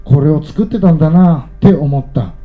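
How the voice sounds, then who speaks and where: A man reading his own travel essay aloud in a calm, measured storytelling manner. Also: a little high, narrow, tinny audio, faint music behind.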